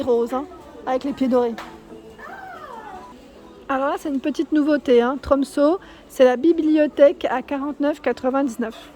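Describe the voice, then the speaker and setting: High-pitched woman, store walkthrough vlog, steady listing of prices and sizes, handheld phone mic. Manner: reads out prices and sizes in a steady list, with small self-corrections. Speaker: vlogger showing store furniture.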